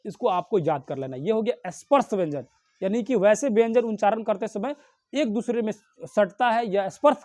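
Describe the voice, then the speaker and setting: High-voiced man teaching grammar. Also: a little mellow, dry recording. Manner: explains step by step with repeated questions and answers; sounds out letters slowly. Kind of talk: online grammar class.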